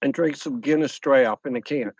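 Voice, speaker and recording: A man's voice: medium pitch, normal speed, darkish tone, husky, no echo. A middle-aged man with a Louisiana accent hosts a casual fishing livestream outdoors at a lakeside camp, rambling, repeating himself and greeting viewers one by one. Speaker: fishing channel host.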